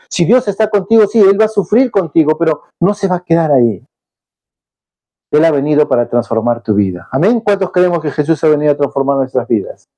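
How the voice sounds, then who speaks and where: A man delivers a passionate sermon in a high, mellow voice. He preaches to the congregation with fervor and often stumbles and restarts mid-phrase. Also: low-quality recording. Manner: impassioned preaching with repeated restarts. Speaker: pastor.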